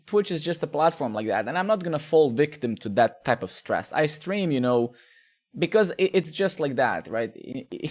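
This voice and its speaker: Rambling Serbian-born streamer man. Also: medium pitch. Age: 30s. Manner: rambling, lots of filler, swears, asks "right?". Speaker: live-coding streamer. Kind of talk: casual chat while coding.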